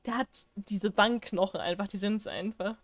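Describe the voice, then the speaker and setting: A woman's voice: mid-range voice, moderate pace, a little hiss or hum. A woman playing a horror game and commenting on it, chatty and teasing, reading on-screen prompts aloud and laughing often. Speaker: gaming YouTuber. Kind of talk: let's play commentary.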